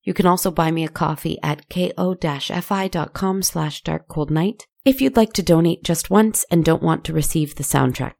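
A woman hosting a horror podcast, speaking in a gentle, soothing manner suited to spooky bedtime stories. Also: sits low, vocal fry. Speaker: podcast writer, host and narrator.

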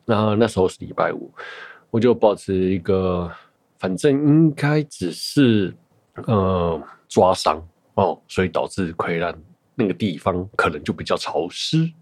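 A man with a low voice hosts a podcast and talks casually by himself. He tells his story in a loose, rambling way and keeps stopping to correct himself. The recording is close and dry, with no room sound. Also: expressive, a little slow, no room sound. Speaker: podcast host. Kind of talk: casual solo chat.

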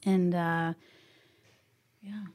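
A woman's voice: on the low side, fairly even intonation, extremely slow, a little mellow. A woman from Sweden, co-founder of a puppetry company, speaking casually in a podcast interview, laughing easily between fillers.

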